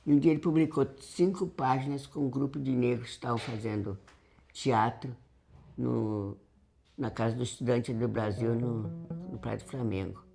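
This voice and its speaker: A woman recalling past times in an interview, halting and restarting her sentences. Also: a bass voice, steady tone, creaky, mellow, faint music behind. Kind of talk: reminiscing interview.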